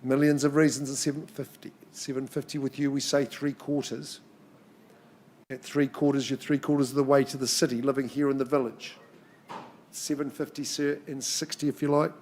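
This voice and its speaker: A man's voice: medium pitch, little pitch movement, normal speed, a little mellow, slight background noise. A man working as an auctioneer at a live property auction, mixing clipped, repeated number calls with chatty patter. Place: in-room auction.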